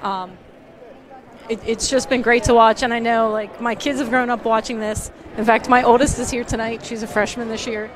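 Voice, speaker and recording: A woman in her thirties, a high school volleyball coach, answering postgame questions earnestly with many filler ums, on a headset mic courtside in an empty gym. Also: steady tone, moderate pace. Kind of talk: postgame interview.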